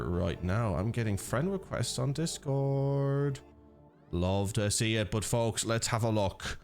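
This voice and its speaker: Joking Irish man casting esports live. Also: on the low side. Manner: lively, joking, chatty with the audience. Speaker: esports caster and organiser. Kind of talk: live stream commentary.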